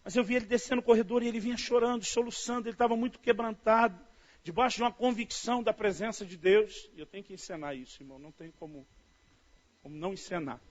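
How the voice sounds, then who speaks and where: A man with a Brazilian Portuguese accent preaching a sermon in an animated storytelling manner, often calling his listeners "dear". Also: high-pitched, fast. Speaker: pastor. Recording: dull lo-fi audio.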